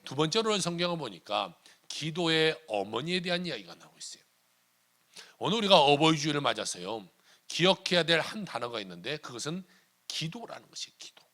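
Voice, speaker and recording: A pastor preaching a Sunday sermon in a church, emphatic and full of rhetorical questions, sometimes sinking to a hush. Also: male voice, a little high, big pitch swings, fairly quick. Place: church sanctuary.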